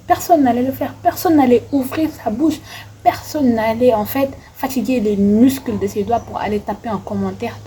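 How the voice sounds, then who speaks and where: A young woman talks straight to camera in an indignant, repetitive rant. Her voice is mellow and warm, and she keeps hammering her points home. A faint hiss of noise sits under the recording. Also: on the high side, poor audio. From Senegal. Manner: indignant, repetitive, heavy use of "en fait". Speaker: vlogger. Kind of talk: impassioned opinion monologue.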